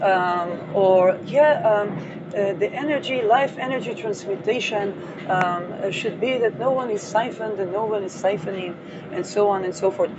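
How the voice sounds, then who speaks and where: The recording is dull lo-fi audio with vehicle noise, featuring a woman who runs an astrology channel. Speaking at medium pitch and normal speed, she drifts through digressions with playful asides and lots of fillers.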